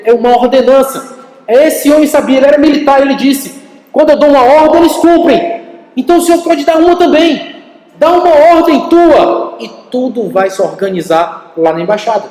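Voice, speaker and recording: A man with a Brazilian Portuguese accent preaching a sermon to his congregation, telling stories and speaking directly to them. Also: extremely high pitch. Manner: animated storytelling preacher, addresses congregation directly. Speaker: pastor. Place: church hall. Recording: echoey church hall, roomy reverb.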